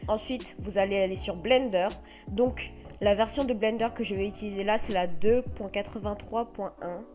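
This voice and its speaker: A woman with a French accent hosting a casual software tutorial, explaining step by step with many hesitant fillers. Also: mid-range voice, moderate pace, soft background music. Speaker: tutorial host.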